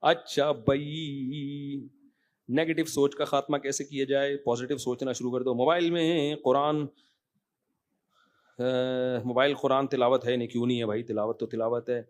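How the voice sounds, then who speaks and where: A man giving an informal religious talk, animated, often checking that listeners follow. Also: mid-range voice. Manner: animated, rising to emphatic loud stretches then dropping quiet; conversational, asks listeners rhetorical checks. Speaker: Islamic cleric answering questions.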